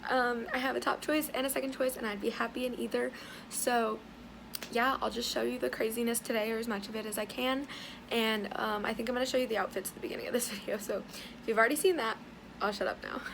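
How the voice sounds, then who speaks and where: A young American woman chatting casually in a vlog with bubbly sorority-girl energy, her voice hoarse as if she is losing it. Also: fairly high pitch, fairly even intonation, fast talker, noisy background. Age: young adult. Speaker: vlogger.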